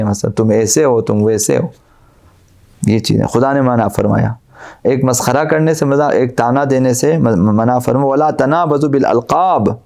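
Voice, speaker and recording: A male cleric delivering a religious lecture in a gravelly, mellow voice. He recites Arabic verses, then explains them with plain, repetitive examples. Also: medium pitch. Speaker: Islamic cleric.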